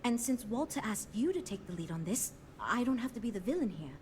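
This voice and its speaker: An earnest woman project leader in a game, with a fairly high, very animated voice. She is diplomatic and businesslike, choosing her words to keep the peace. There is faint noise behind her. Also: brisk. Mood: earnest, relieved. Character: earnest, diplomatic woman leading a ship design team. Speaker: game character, design team leader. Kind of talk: scripted game dialogue.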